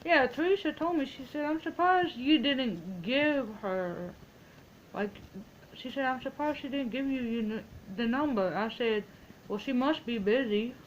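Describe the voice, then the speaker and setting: Woman chatting casually over clear background noise. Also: sits high, a little slow, lo-fi sound. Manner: rambling storytelling, quoting herself and others. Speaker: vlogger making a phone call. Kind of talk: casual phone chat.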